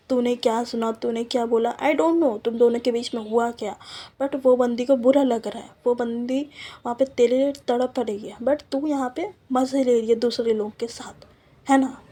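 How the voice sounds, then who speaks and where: A woman's voice: on the high side, fairly even intonation, moderate pace, mellow, close to an everyday voice. A woman voicing a blunt young woman who scolds her friend. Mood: scolding.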